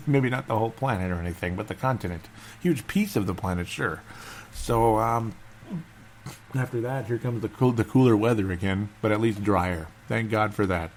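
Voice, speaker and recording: A man with a lowish voice hosts a casual fan talk show by himself. He keeps it subdued and held back, as if someone is asleep nearby, rambling and repeating phrases. There is some faint noise in the recording. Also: sing-song, normal speed. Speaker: sports fan show host. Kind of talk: casual solo commentary.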